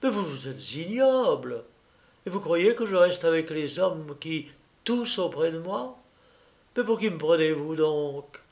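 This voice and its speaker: A man putting on a shrill indignant wife. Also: unhurried, hardly any pauses, darkish tone. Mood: outraged. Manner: exclaims and repeats herself in a rising outraged voice. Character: indignant young wife, shrill and easily outraged.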